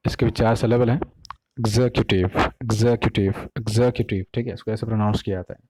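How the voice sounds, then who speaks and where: Brief: male pronunciation tutor with an Indian accent, mellow and dry, code-switches, drills syllables slowly. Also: on the low side, fairly even intonation, dry recording, low-quality recording. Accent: Indian English. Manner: mixes Hindi and English, keeps asking "ठीक है?"; spells and repeats words slowly by syllable. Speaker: English pronunciation teacher. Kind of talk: casual classroom-style explanation.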